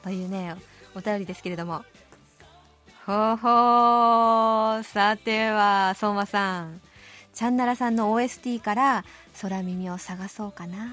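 A woman in her late thirties hosting a radio show, reading listener letters and answering them in a cheerful, animated chat. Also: on the high side. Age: late 30s. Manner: cheerful, animated, laughing often. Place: radio studio.

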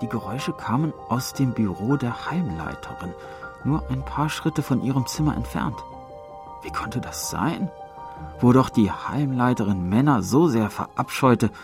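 A man narrating a story as an audiobook in a measured storytelling manner. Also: mid-range voice, expressive, creaky, music in the background.

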